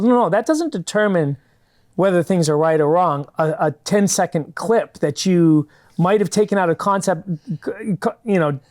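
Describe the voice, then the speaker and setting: With a high and a little mellow voice, a man answers interview questions in a public TV studio. He is the founder of a fundraising company and speaks earnestly, laying out his views at length and restarting often.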